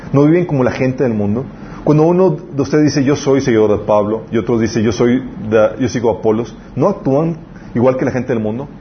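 A man preaches to young people in a loose, chatty way, often asking for agreement between scripture readings. The recording is a little dull and lo-fi, with a faint hiss underneath. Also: medium pitch. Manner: conversational, asks listeners to agree. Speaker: youth pastor. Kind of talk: casual sermon with scripture readings.

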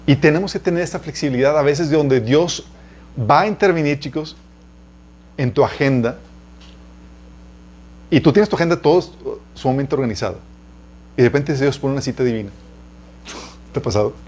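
A man's voice: mid-range voice, normal speed, long pauses, a little mellow. A man with a Mexican accent preaching a conversational teaching sermon to a live audience. He tells personal stories, laughs at his own tales, and keeps turning to the listeners with questions. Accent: Mexican Spanish. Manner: chatty, addresses listeners as "chicos", asks them questions. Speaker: preacher teaching a church series.

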